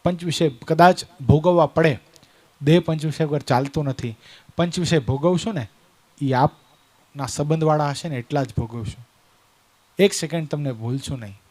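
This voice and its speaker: A man's voice: mid-range voice, pitched below the performer's own voice, close to an everyday voice. A man voicing two remorseful young twin men who speak humbly as one. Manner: soft, pleading.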